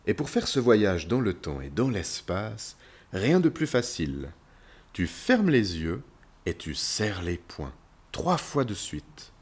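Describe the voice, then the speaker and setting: A man tells a children's story in a deep, husky voice, gently reassuring the listener as he guides them along. He speaks slowly, and his voice rises and falls a lot. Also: very animated.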